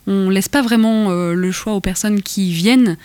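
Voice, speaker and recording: A woman's voice: medium pitch, normal speed, darkish tone. A woman hosts the interview, asking long, careful questions. She hesitates often between phrases, and her voice sounds close and dry, with no room echo.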